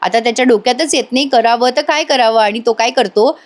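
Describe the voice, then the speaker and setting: A woman's voice: fairly high pitch, fairly quick. A woman hosting a casual voice-over recap, telling the story in a chatty way and speaking directly to viewers. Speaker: serial review host.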